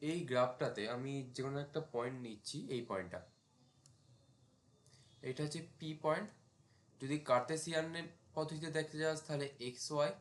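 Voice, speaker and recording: A man, tutoring a math class and walking his students through each step at the board. His voice sits at an ordinary middle pitch, and the small classroom around him sounds echoey. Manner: talks students through steps while writing, asks them checking questions. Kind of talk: casual classroom lecture.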